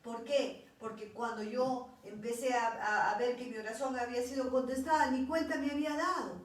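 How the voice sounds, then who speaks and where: A woman's voice: a little high, normal speed, very echoey, far from the mic. A woman preaching a sermon, earnest, with repeated pleading phrases.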